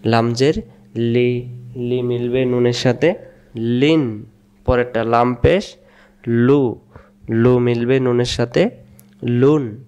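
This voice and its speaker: Slow, clear Bangladeshi Quran teacher. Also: male voice, mid-range voice, steady tone, a little mellow. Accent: Bangladeshi Bengali. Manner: drills syllables aloud, repeating each several times; asks quiz questions and answers them himself. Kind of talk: slow spelled-out recitation lesson.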